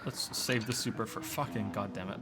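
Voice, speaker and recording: A Welsh-born man in his thirties with a low-leaning voice talks briskly over heavy background noise while gaming on a stream. His accent is mostly Canadian, with a few Welsh traces. He rambles casually, stammers and restarts, and answers chat questions as he plays.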